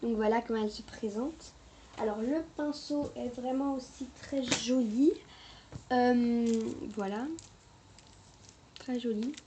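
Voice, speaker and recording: A woman chatting casually through a makeup review, hesitant and quick to apologize, recorded on a camera mic at home. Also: a little high, steady tone, warm tone, slight background noise. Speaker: beauty vlogger.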